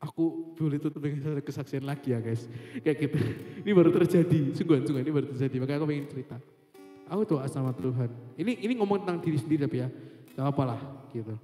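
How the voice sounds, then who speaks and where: A young man gives a relaxed devotional talk, chatty and informal. His voice is slightly high but mellow. It rings in a roomy church hall with a long echo, and soft guitar plays underneath. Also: racing. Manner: chatty, mixes in English phrases, repeats "kayak gitu". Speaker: youth devotional speaker. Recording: echoey hall with faint guitar.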